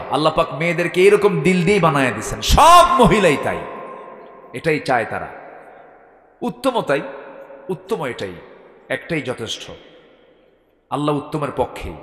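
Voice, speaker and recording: A man preaching a Bengali waz sermon with a Bangladeshi accent. He swings from soft talk to shouting and fires rhetorical questions at the crowd. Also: on the high side, reverberant, in a large hall. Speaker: Islamic preacher.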